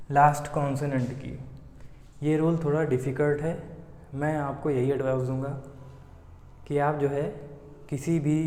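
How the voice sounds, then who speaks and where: In an echoey room with long reverb and slight background noise, a man whose voice is fairly high and dark teaches English grammar. He works patiently and slowly, asking questions and supplying the answers himself as he explains the lesson.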